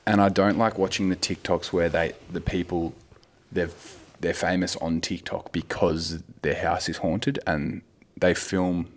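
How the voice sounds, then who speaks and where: A man's voice: deep voice, flat delivery, a little slow. A man co-hosting a podcast, chatting bluntly and swearing casually. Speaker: podcast co-host. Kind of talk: casual chat.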